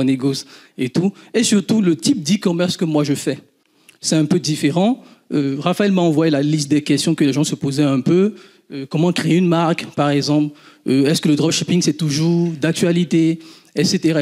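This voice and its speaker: A man in his thirties from Benin with a Beninese accent, an entrepreneur talking casually to an audience and telling animated stories with laughs. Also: a little high. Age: 30s. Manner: animated storytelling, laughs often, swears casually. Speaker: guest entrepreneur.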